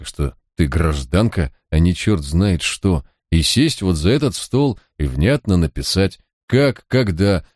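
A man's voice: low voice, darkish tone, no echo, studio quality, full character voice. A man voicing a shrewd, cocky male police detective who talks in a mocking, coaxing drawl.

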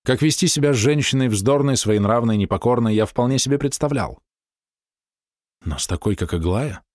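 A man's voice: mid-range voice, expressive, moderate pace, a little mellow, dry recording, clean studio sound. A man narrating a first-person novel as an audiobook, reading expressively and with feeling.

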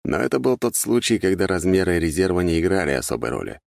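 A man narrating a fantasy audiobook in the first person, steady and measured. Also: low-pitched, creaky, no room sound, clean studio sound.

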